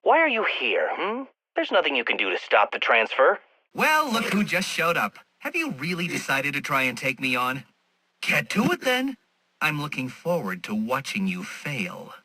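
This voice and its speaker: The Riddler, sharp, smug genius villain. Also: male voice, on the high side, wildly swooping pitch, moderate pace, no echo, full character voice. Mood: gloating. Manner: pompous, sarcastic, precise wordy diction. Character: smug, condescending male genius villain, mocking and theatrical. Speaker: video game villain. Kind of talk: scripted game villain taunts.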